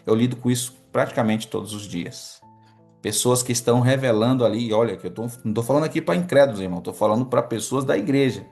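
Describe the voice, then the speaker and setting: A man's voice: mid-range voice, fast, a little mellow, soft background music. A man, a pastor giving an earnest teaching sermon on a livestream, reading from a book and asking his listeners questions. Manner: earnest, addresses listeners as brothers, asks the audience questions. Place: online livestream with chat.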